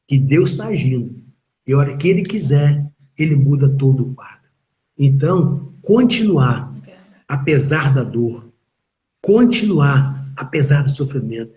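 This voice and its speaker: Man, Brazilian Portuguese accent, pastor, emphatic sermon, rhetorical questions, higher-pitched. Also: warm tone. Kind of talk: sermon in a live online chat.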